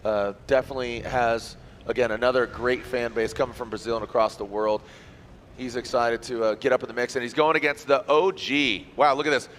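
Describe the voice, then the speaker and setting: A man's voice: medium pitch, steady tone, fairly bright tone, slight background noise. Upbeat male drift race announcer. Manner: upbeat, quick banter, catchphrases. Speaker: play-by-play commentator. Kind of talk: live motorsport commentary.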